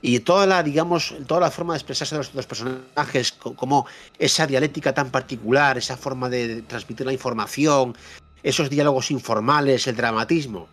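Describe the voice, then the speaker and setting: A man's voice: medium pitch, brisk, fairly bright tone. A man hosting a podcast, giving a casual spoken review of a game and repeating points for emphasis. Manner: repeats himself for emphasis, frequent fillers and tag questions.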